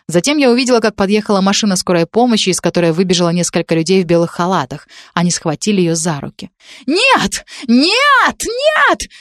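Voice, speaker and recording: A woman reading a first-person story aloud as narrator, in steady storytelling. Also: lowish voice, no echo, studio quality.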